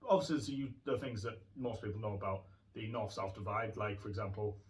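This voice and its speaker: A man's voice: lowish voice, fast talker. Man chatting, mic far off. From Teesside, North East England. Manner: chatty, explaining. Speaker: co-host. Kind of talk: casual chat. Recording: distant from the mic.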